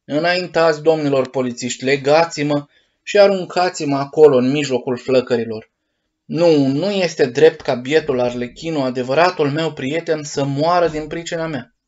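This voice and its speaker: A man's voice: fairly high pitch, lively intonation, voice pushed up, lightly acted. A man voicing a small wooden puppet boy, earnest and pleading, in a dull lo-fi storybook recording. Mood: heroic.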